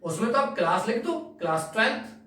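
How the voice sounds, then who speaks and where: Teacher in an echoey room. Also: male voice, sits high, big pitch swings, brisk, pushed and bright, distant mic. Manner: explains step by step, asks and answers his own questions. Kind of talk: classroom lesson.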